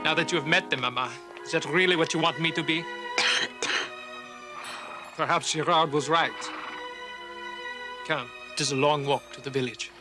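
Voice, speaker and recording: A man's voice: on the high side, moderate pace, pauses often, lightly acted. An actor playing a proud, hot-tempered young Frenchman, blunt and defiant in a period film. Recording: film soundtrack with music.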